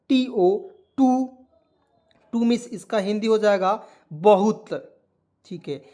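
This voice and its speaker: A man's voice: high-pitched, darkish tone. A man teaching a step-by-step spelling lesson, putting questions to his viewers and answering them himself, addressing them as friends. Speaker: English teacher.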